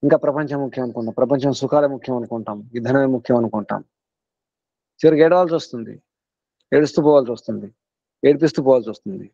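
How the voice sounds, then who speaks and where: Teaching a spiritual class, an earnest guru with a Telugu accent hammers home his points through repetition. His mid-pitched voice is creaky and warm, very fast yet frequently paused, and it sounds dry, slightly muffled, and free of echo.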